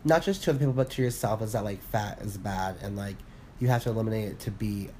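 A man in casual podcast chat, rambling with many fillers and restarts, candid and quick to laugh. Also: on the low side, mellow, a little hiss or hum. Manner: laughs often, candid and profane. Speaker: podcast co-host.

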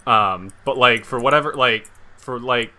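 A man's voice: medium pitch, a little slow, sharp tone. A man co-hosting a casual game podcast, rambling with lots of "like" and restarts. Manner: rambling, heavy use of "like". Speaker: podcast co-host. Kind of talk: casual chat.

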